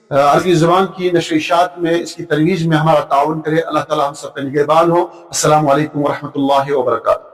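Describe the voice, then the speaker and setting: A man with an Indian accent teaching an Arabic grammar lesson, reading out examples and counting them off patiently. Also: a little high. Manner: explains slowly, counts and reads examples aloud. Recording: echoey room, voice from far off.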